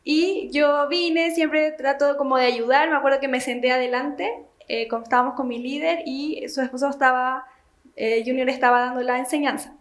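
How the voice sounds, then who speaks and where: A young woman recounts a personal testimony to her church group, earnest and halting, often reaching for words. Her voice sits high. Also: steady tone. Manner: earnest storytelling with many fillers. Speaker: church member giving testimony.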